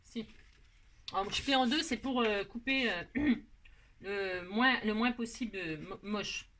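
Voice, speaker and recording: A woman's voice: medium pitch, slow, sharp tone, a little hiss or hum. A woman hosting a card-making tutorial, chatting casually and joking about her own mistakes while she works. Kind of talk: casual self-mocking craft tutorial.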